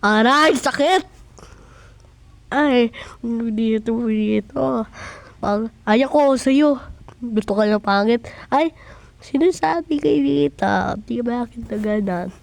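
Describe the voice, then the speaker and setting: A woman with a high voice chattering in casual play. She talks at an unhurried pace, sounding whiny and excitable, with sudden sharp exclamations. The sound is dry and close. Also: vocal fry, no echo.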